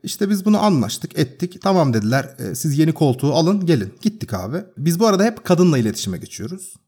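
A man co-hosting a podcast, telling a story in a casual, animated way and often laughing at himself. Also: on the high side, fast, breathy edge. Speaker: podcast co-host.

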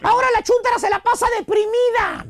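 A Mexican man hosts a radio comedy bit in a very high, gravelly voice. He tells the story with animated swings, shouting some lines and slowing right down on others for effect. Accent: Mexican Spanish. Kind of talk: comic storytelling routine.

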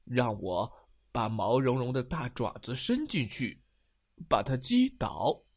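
A man's voice: mid-range voice, huge pitch swings, slow pace, a little mellow, breathy edge, full character voice. A man voicing a big confident bear in a children's bedtime story, talking in a bold, swaggering way. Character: big confident bear who then gets scared.

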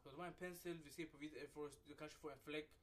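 A young man co-hosting a podcast, chatting casually and telling an animated story full of street slang and swearing. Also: on the high side. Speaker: podcast co-host. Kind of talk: casual chat. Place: podcast recording room.

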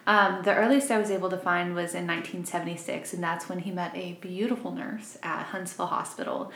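A woman's voice: on the low side, steady tone, brisk, a bit bright. A woman in her twenties from Arkansas, co-hosting a true crime podcast in casual, chatty talk and laughing easily. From Arkansas, grew up in Missouri. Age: 20s. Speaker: podcast co-host. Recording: roomy echo.

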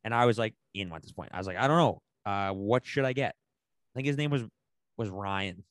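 A man co-hosting a casual podcast, telling a rambling, animated story full of slang and swearing. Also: on the low side, a little fast, no echo. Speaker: podcast co-host.

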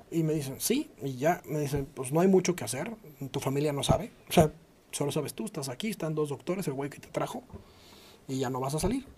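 A man in his thirties with a Mexican Spanish accent, telling a story to a friend. His voice is dark and mellow, and he acts out every line of dialogue, jumping into sudden high-pitched shouts. He swears freely and keeps the telling lively. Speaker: guest telling a personal story. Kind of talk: casual conversational storytelling.

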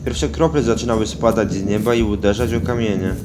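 Low-voiced man narrating a story. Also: fairly even intonation, a little fast, noisy background. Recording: music underneath.

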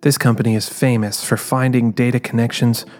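In a scripted audio drama, a man voices a guarded, driven female private eye, narrating in an introspective, reflective way. His delivery is medium-pitched, level, brisk and lightly acted, with quiet music behind him.

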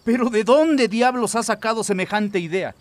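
A man's voice: high voice, moderate pace, close to an everyday voice. A man playing a pompous, blustering emperor and indignant father in a children's audio story.

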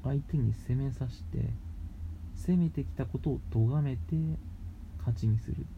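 A man talking casually as a radio host, explaining things in halting, phrase-by-phrase steps. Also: mid-range voice, creaky. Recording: muffled lo-fi with faint background noise.

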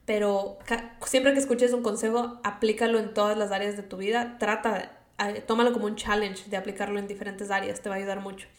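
A young adult woman from Latin America, a vlogger with a Latin American Spanish accent, chats casually and gives advice while slipping English words into her speech. Her mid-range voice moves little in pitch and runs a bit fast, and the sound is roomy.

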